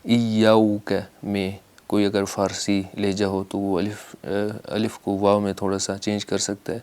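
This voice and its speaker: A man teaching correct prayer pronunciation, explaining in a measured way with filler pauses and slowly drawn-out recited examples. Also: on the low side, monotone, darkish tone, clear, resonant tone. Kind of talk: instructional lesson with slow recitation.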